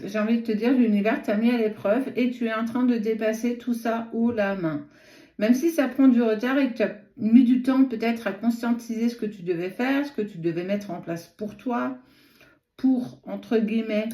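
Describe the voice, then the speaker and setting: A woman with a mellow voice reads tarot cards in an echoey room. She has a noticeable lisp that turns her s sounds slushy, close to sh. She speaks off the cuff, addressing the listener directly and dropping in asides. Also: mid-range voice. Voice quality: lisp with slushy sh-like s from a swollen tongue. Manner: direct second-person address, frequent asides. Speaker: tarot card reader and host. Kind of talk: spontaneous tarot reading to camera.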